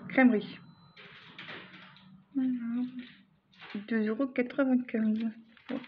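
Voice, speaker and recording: A woman's voice: a little high, fairly even intonation, slow pace, dull audio, slight background noise. A woman vlogging a grocery haul at home, chatting casually to the camera with lots of fillers and restarts. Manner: chatty, addresses viewers directly, frequent fillers and restarts.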